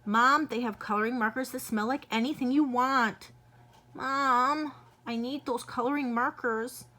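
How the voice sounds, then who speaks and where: A woman reading aloud, voicing a small girl who pleads and insists, bright and a little higher than her own voice. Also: fairly even intonation, a little slow. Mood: pleading. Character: young girl, pleading and cheeky.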